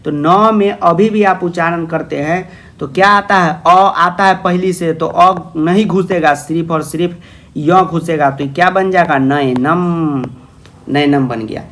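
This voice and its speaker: High-voiced grammar teacher. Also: male voice, measured pace, a bit bright. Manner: plays the students' questions himself; affectionate, calls students "babu". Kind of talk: online lecture.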